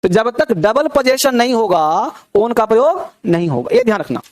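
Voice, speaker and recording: A man's voice: high-pitched, very animated, moderate pace, no room sound, clean studio sound. A young man teaching a grammar class, drilling pronunciation and checking in with his students. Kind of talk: classroom lecture.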